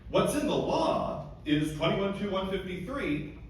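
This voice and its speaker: A man's voice: high voice, sing-song, unhurried. A man speaking as an attorney giving a closing argument at a hearing, emphatic and argumentative, sometimes stumbling and repeating words. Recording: echoey room, distant mic, faint noise.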